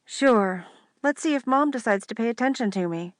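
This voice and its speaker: A woman performs a teasing young woman, the narrator's little sister, pitching her natural voice above her own into a fairly high, lively register at normal speed. The delivery is breezy, joking and wry, captured dry with clean studio sound.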